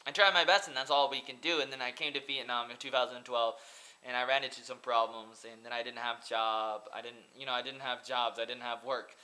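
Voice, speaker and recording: With a sharp, steady mid-range voice at a fairly quick pace, a young Oregon man in his twenties gives a casual monologue to his laptop webcam, close up in a small room. He's a vlogger and English teacher, earnest yet rambling, repeating himself and saying "like" often.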